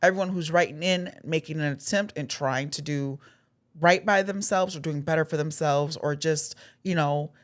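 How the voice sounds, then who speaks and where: A woman co-hosting a podcast chats casually in a low voice at normal speed. She talks earnestly but rambles, circling back over her words with many restarts and fillers.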